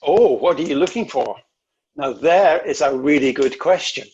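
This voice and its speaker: A man's voice: on the high side, moderate pace, a little mellow, dull audio, a little hiss or hum. A man presenting an online interview-skills workshop, coaching in an emphatic way and often repeating words.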